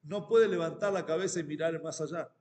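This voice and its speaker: A rabbi with an Argentine accent giving a Torah class, talking in a halting way with many restarts and fillers. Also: male voice, on the high side, darkish tone, big-room sound. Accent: Argentine Spanish.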